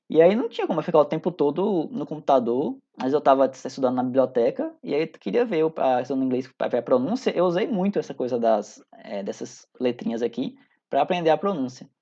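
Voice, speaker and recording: In dull, lo-fi audio, an English teacher in their thirties with a Brazilian Portuguese accent gives a recorded lesson. Their mid-range, warm voice stays informal and chatty, with frequent hesitations and restarted sentences.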